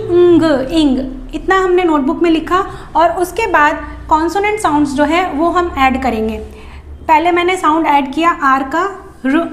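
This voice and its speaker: A woman teacher explaining phonics to parents, speaking in Hindi mixed with English and sounding out letters slowly. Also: high-pitched, reverberant.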